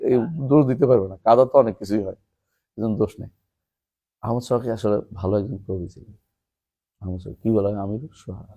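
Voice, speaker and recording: A man, teaching a classroom lesson, asking his students questions and reciting Arabic verses slowly. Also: fairly low pitch, lo-fi sound. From Bangladesh. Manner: asks students questions and explains term by term. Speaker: teacher of an Islamic text class.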